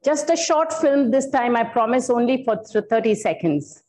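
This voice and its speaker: A woman's voice: on the high side, lively intonation, normal speed, a little mellow, rough recording. An older woman giving a floral art workshop demonstration, explaining her materials step by step with some fillers. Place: indoor studio room.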